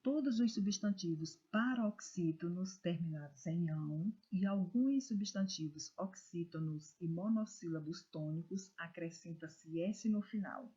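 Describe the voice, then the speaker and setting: A woman's voice: fairly low pitch, warm tone, husky. Patient woman teacher, careful stressed reading. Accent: Brazilian Portuguese. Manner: slow, careful, stresses syllables when reading words aloud. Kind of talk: recorded video lesson for children. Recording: dull lo-fi recording.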